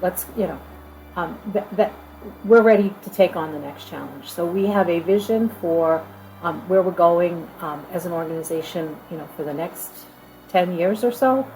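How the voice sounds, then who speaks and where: A female organization leader addresses new staff in a casual corporate training video, her lowish, somewhat dark voice halting as she repeats phrases to stress them. Soft music plays underneath, and the audio quality is poor.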